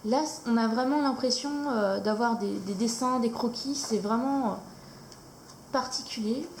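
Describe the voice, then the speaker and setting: A woman vlogger casually showing her coloring books, hesitant with many fillers and pauses. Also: a little high. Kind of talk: casual show-and-tell chat. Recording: echoey room, faint noise.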